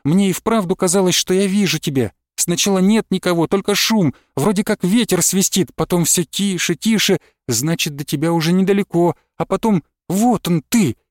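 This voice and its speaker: A man puts on a devoted young peasant wife, her voice lifted higher than his own and spilling out in an earnest, tender rush. She pleads and comforts in a dry, close audiobook reading with no room sound. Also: moderate pace, hardly any pauses, no echo, lightly acted. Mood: pleading.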